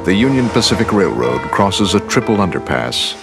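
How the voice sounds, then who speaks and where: A man giving measured, scripted documentary narration in a deep, gravelly voice. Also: big pitch swings. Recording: music underneath.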